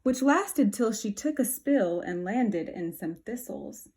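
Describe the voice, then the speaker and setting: A woman reading a rhyming children's picture book aloud with a rhythmic, expressive delivery. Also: mid-range voice, slow pace, slight background noise.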